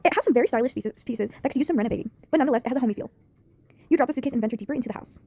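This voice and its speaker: A woman's voice: fairly high pitch, rapid-fire, mellow, no room sound. A woman reading an interactive story game aloud with giggly, chatty asides.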